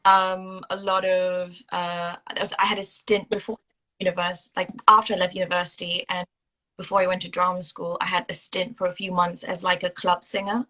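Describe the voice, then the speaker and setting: A woman's voice: lowish voice, flat delivery, moderate pace, pushed and bright, rough recording. A woman in her thirties, raised in Singapore, chatting as a guest in a casual interview with many fillers and restarts. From India, raised in Singapore. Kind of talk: casual interview over a phone call.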